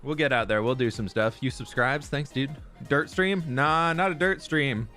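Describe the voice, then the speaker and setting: A man's voice: medium pitch, moderate pace, bright, forceful tone. Young male streamer, easygoing and talkative, mid-range voice, reading chat aloud over faint music. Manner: upbeat, chatty, greets viewers by name. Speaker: live streamer. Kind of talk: casual live-stream chat while gaming. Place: room at home.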